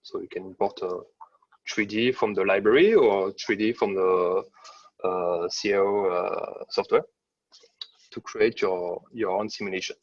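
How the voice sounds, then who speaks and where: A low-voiced man presents a software demo in a webinar, halting often, with many fillers and restarts. His mic sounds muffled and distant, and the recording is dull and dry with no room sound.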